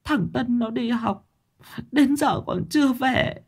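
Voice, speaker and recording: A woman's voice: on the high side, slow, a little mellow, husky, voice pushed up, heavily acted. A man voicing a distraught middle-aged village mother who pleads through tears in a ghost story. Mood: sobbing, pleading. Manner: wailing, tearful pleading.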